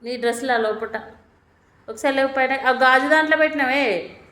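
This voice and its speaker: A woman's voice: high-pitched, moderate pace, pushed and bright. A young woman, chatting casually with a small child and coaxing answers with playful questions. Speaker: family member filming a child.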